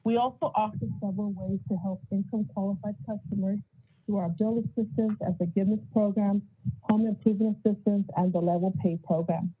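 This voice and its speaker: A woman's voice: mid-range voice, steady tone, a little fast, breathy edge. A woman utility spokesperson reading a prepared public comment over a remote call whose audio turns muffled and breaks up. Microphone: remote video call. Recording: tinny muffled video call line.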